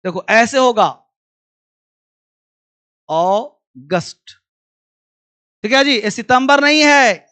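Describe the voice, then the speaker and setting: Guy teaching english class, bright clear voice, keeps repeating words, bossy. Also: very high voice, animated, normal speed. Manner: drills words aloud, repeats, commanding. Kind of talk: classroom lesson.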